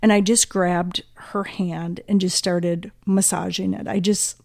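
A woman's voice: on the low side, flat delivery, a little slow, creaky, no room sound, clean studio sound. A middle-aged woman telling a personal story in a casual conversation, emotional and vivid, acting out what people said. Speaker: guest, mother of the host.

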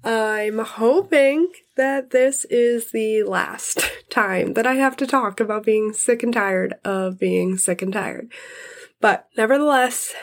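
A woman in her thirties hosts her podcast in friendly, casual chat, her voice congested from illness. She speaks slowly, with a voice on the high side.

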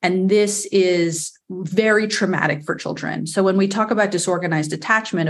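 Woman, New York accent, fairly low pitch, podcast guest, earnest explaining. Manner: earnest, explanatory, with frequent fillers. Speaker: attachment specialist guest.

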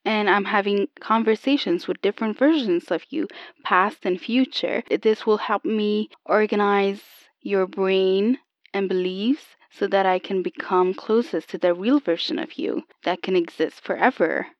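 A woman playing a calm AI copy of an older woman, heard over an old telephone line, explaining patiently and a little haltingly. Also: mid-range voice, no room sound. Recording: dull lo-fi phone sound, dry.

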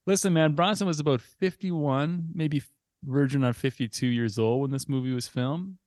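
A Canadian-accented man hosts a film podcast, shifting between casual chat and a scripted synopsis read as prepared narration. His mid-range voice is a little mellow and moves at normal speed, with clean studio sound and no room echo.

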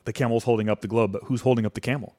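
A man's voice: mid-range voice, steady tone, rapid-fire, warm tone, close to an everyday voice. Guy doing a curious little kid who won't stop asking questions. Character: persistent, curious young schoolboy.

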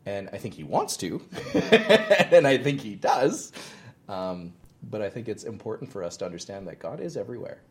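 A man's voice: lowish voice, very animated, moderate pace. A man in his thirties, a ministry founder, talking earnestly in an interview and telling stories with frequent restarts. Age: 30s. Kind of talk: interview conversation.

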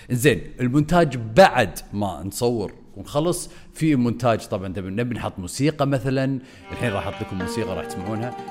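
A man giving an energetic video lesson as a content coach, swinging his voice up and down on purpose. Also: medium pitch.

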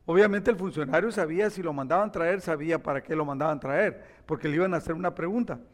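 A man's voice: on the high side, fast talker. A man preaching, retelling a scripture story with acted quotes and asides to his listeners. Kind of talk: Bible teaching sermon.

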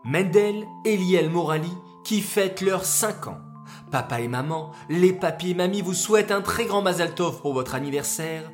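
A man's voice: sits high, animated, moderate pace, soft background music. A man reading dedications and birthday wishes at the end of a children's story.

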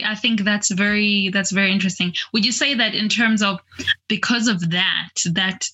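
A woman hosts a science interview podcast at a middle pitch. She reads her introduction from a script, then talks loosely with fillers and encouragement. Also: sharp tone, low-quality recording. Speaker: podcast host.

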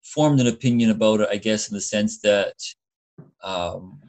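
A middle-aged man talks casually as a podcast co-host. His voice is on the low side, and he feels his way through his thoughts with some hesitation. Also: moderate pace, darkish tone. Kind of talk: casual chat.

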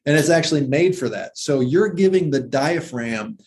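Gravelly man explaining anatomy with enthusiasm. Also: a little high, lively intonation, normal speed, a little mellow. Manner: enthusiastic, detail-heavy, lists muscle names. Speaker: former anatomy teacher, guest. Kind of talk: casual conversational explaining.

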